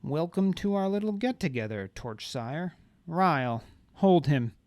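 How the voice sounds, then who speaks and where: A man's voice: medium pitch, sing-song, moderate pace, no room sound. A man voicing a mad woman mage who talks in a chilling, sing-song, playful way. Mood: menacing sweetness.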